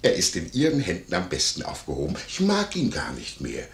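An actor playing a nosy, wheedling innkeeper in a 1950s radio play, gossiping in a lively way. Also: male voice, deep voice, fairly quick. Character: nosy, fawning male innkeeper, middle-aged. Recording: echoey 1950s radio studio.

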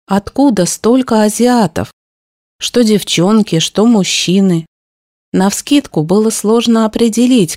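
A woman reading a first-person story aloud in a steady, even narration style. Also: mid-range voice, no echo, studio quality. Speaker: audiobook narrator.

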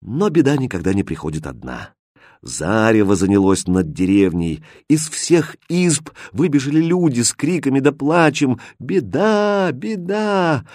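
A man reading a fairy tale aloud as narrator, in an expressive, lively storybook style. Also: on the low side, normal speed, no echo, clean studio sound.

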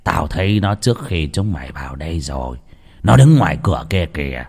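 A man voicing an old village shaman who gives stern, gruff orders slowly. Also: very deep voice, animated, a little mellow, voice pushed down, exaggerated voice. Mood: mocking. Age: older. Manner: slow, stern, gruff commands. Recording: long reverb.

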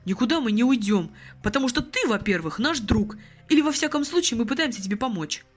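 A woman's voice: on the high side, expressive, brisk, soft background music, pitched above the performer's own voice. A woman voicing an exasperated, level-headed young man who scolds and pleads with a friend, in an audiobook reading. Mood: indignant.

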